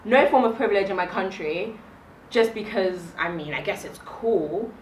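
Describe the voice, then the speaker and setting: A woman's voice: mid-range voice, moderate pace, slight background noise. A woman in a casual group discussion, talking emphatically and growing insistent as she argues her point. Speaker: discussion panelist. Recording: roomy echo, mic at a distance.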